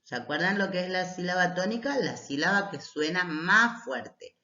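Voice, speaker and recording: A woman teacher explaining lessons patiently, often checking in with a short "mm?" and reading verses aloud slowly. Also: lowish voice, animated, bright, forceful tone. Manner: reads poems aloud slowly. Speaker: language teacher. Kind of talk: recorded class lecture. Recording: roomy, dull lo-fi recording.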